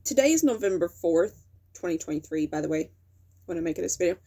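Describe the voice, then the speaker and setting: This young woman hosting a casual commentary video has a warm, lowish voice, speaking quickly and expressively. She rambles, catches and corrects herself, and uses a lot of fillers.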